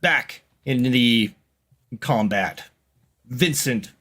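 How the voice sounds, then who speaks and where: A man running a tabletop role-playing game, narrating scenes in a dramatic, halting way. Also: mid-range voice, very noisy. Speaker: game master.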